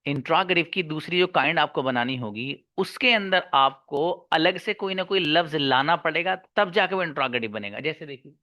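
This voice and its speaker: Bright-voiced male English teacher, dry sound. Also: a little high, no room sound. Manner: asks students questions and answers them himself; stretches out English example sentences slowly. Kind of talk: online spoken-English lesson.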